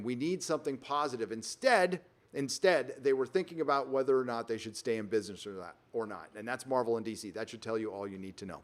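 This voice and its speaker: Emphatic, rambling man hosting a livestream. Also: mid-range voice. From Southern California. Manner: emphatic, rambling, with frequent restarts. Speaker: livestream host reading viewer donations. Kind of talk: casual live-stream commentary. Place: rented vacation home while on the road.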